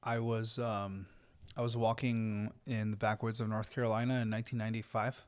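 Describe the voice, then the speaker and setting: In a casual storytelling chat, a Mexican podcast co-host in his thirties spins out a long personal story with many fillers and restarts. He speaks briskly in a fairly low, flat, clear voice with a resonant tone.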